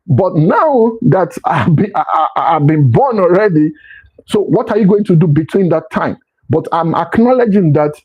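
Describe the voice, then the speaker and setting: Husky earnest man lecturing. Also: high-pitched. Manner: earnest, preachy, repeats and restarts phrases. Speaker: motivational speaker. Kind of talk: motivational talk to camera. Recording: dull lo-fi recording.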